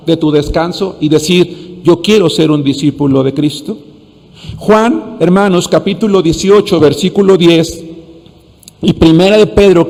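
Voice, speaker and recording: A man's voice: high-pitched, darkish tone. A male pastor, preaching a sermon and telling a story, often calling out to his listeners and repeating words as he searches for them. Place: church sanctuary. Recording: long hall reverb.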